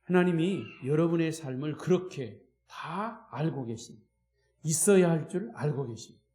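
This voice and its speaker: A man's voice: fairly high pitch, lively intonation, normal speed, mellow, reverberant. A man preaching a sermon as pastor, emphatic, with repetition and rhetorical questions. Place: church sanctuary.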